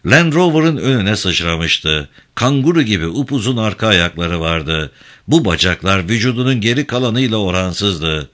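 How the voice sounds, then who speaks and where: A man reading a novel aloud in a dramatic, measured audiobook narration. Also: lowish voice, animated, fairly bright tone.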